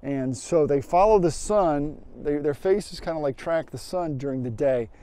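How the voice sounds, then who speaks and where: A man's voice: on the high side, moderate pace. A man in his fifties, a landscape photographer, talking casually on a windy open hilltop outdoors through a lapel mic, thinking aloud as he explains his camera settings. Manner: relaxed, thinking aloud with fillers and restarts.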